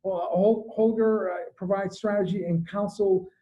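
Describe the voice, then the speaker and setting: A man's voice: high-pitched, steady tone, normal speed. A man co-hosting a casual show over a video call, upbeat and laughing as he introduces guests. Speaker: show co-host. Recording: dull lo-fi call audio.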